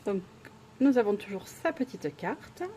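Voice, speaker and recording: A woman's voice: mid-range voice, expressive, a little slow, dark tone, a little hiss or hum. A woman vlogger chatting casually while unboxing at home, gushing with exclamations and often hesitating.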